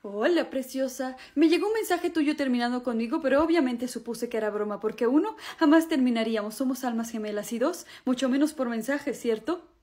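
A woman's voice: high-pitched, brisk, hardly any pauses, warm tone, close to an everyday voice. Woman as a melodramatic, suave boyfriend. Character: lovestruck, cocky young man, melodramatic boyfriend. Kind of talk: comedy skit.

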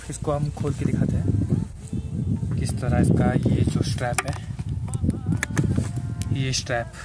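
A man's voice: medium pitch, very noisy. A young man casually showing his gear outdoors, talking in a rambling way with many filler words. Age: young adult. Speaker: vlogger. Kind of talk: casual chat. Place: outdoors on a hillside by a motorbike. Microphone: camera held by a helper a few steps away. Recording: distant outdoor camera audio with loud music.

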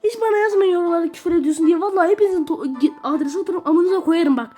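Very high-pitched woman ranting while gaming. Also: racing, warm tone, soft background music. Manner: irritable, swears constantly, rants at the game. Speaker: gaming video creator. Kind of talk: ranting gameplay commentary. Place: small bedroom at home.

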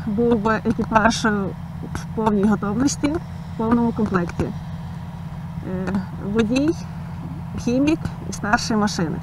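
A woman in a tank crew speaking through a gas mask, explaining in a halting way with many fillers. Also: fairly high pitch, noisy background. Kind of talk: on-camera explanation.

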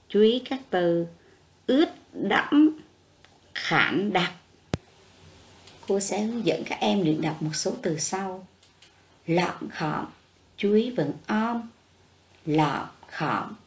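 A primary school teacher giving an online reading lesson to children, pronouncing each word slowly and carefully. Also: female voice, mid-range voice. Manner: slow, careful syllable-by-syllable pronunciation drills.

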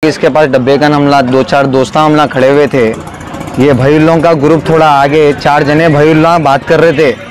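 A man's voice: fairly high pitch, level tone, normal speed, background noise. A man recounting events step by step as an eyewitness in a street interview.

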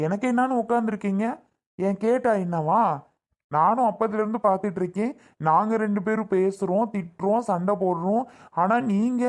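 A woman's voice: medium pitch, a little mellow, lightly acted. A woman playing a protective young husband who argues with and pleads with his mother. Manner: pleading and arguing, urgent. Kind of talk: family drama skit.

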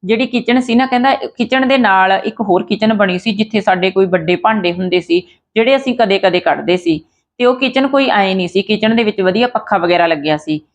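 A woman's voice: mid-range voice, fairly quick. A woman retelling a true story in a casual, conversational way, with fillers and restarts. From Punjab. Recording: dull lo-fi sound.

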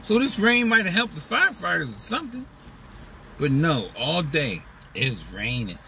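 A man's voice: fairly high pitch, very animated, moderate pace, creaky, bright, forceful tone, distant mic, a little hiss or hum. A man talking through a casual, profane, rambling comedic monologue as a vlog host, slipping into mocking voices. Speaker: vlogger host.

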